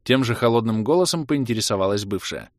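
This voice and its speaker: A man narrating a first-person audiobook in a wry, expressive way. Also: medium pitch, fast, no echo, studio quality.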